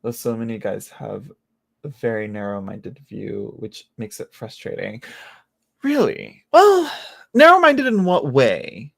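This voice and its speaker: A man's voice: mid-range voice, very animated, a little slow, vocal fry, a bit bright. A man in his late twenties, a tarot reader chatting casually on a live stream, rambling and joking at himself with many restarts. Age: late 20s.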